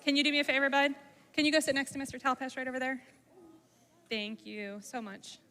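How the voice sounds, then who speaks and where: Bright-voiced woman teaching a class. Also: high-pitched, level tone, rapid-fire. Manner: engaging, asks the class questions. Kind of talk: classroom talk to middle schoolers. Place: school room or hall, long echo. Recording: reverberant hall sound.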